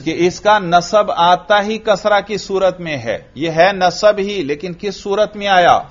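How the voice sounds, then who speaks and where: Man teaching grammar, questioning the class. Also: sits high. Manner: asks the class questions and answers them himself, repeats key terms slowly. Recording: dull lo-fi recording.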